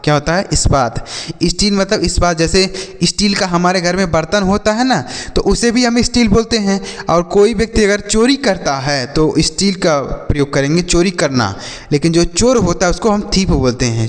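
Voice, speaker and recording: A man's voice: a little high, long reverb tail. A man teaching children English spellings and meanings, spelling words out letter by letter and answering his own questions.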